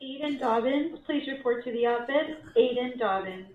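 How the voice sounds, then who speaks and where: A woman's voice comes through a school intercom with a calm, repeated announcement from the office. Her voice sits a bit high and sounds muffled and dull through the loudspeaker, with a faint hum of the room behind it. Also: moderate pace. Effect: over a school intercom. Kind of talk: public address announcement.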